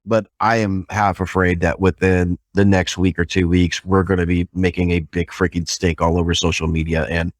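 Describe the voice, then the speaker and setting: A man with a fairly deep voice who tells stories in a lively, animated way and drops in mild swear words. It is a casual podcast chat. The recording is close and dry. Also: normal speed, hardly any pauses, dry recording. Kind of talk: casual conversation.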